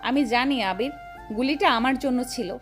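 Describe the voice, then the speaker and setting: A tearful, strong-willed young woman from an audio romance story, as a woman narrator puts her on. She speaks softly in a high voice, slower than the narration, with firm emphasis. Faint music plays behind her. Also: close to an everyday voice. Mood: tearful, resolute.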